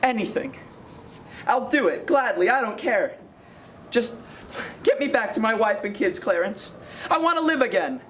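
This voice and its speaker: A man's voice: high voice, expressive, normal speed, long pauses, a bit bright, slight background noise. A man playing a desperate young husband in an amateur stage play, pleading and frantic. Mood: begging.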